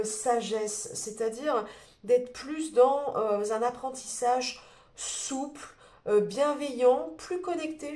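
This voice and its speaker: A woman's voice: on the high side, darkish tone. A woman with a cold and a blocked nose giving a spoken tarot reading, searching for words with many fillers and restarts. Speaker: tarot card reader. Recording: roomy echo.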